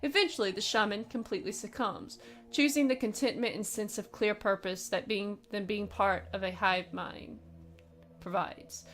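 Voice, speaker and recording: A woman reading the lines of a stern, formal male aide in a game, in a measured, lecturing way. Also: mid-range voice, steady tone, faint music behind, close to an everyday voice. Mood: grave. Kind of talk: reading game dialogue aloud.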